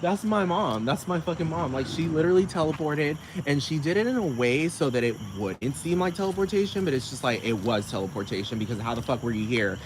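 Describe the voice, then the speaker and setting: A man from the United States rants casually in a fairly high, very animated voice. He is sassy and profane, throwing out rhetorical questions. Clear noise sits behind him. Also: brisk, few pauses. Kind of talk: casual rambling rant to camera.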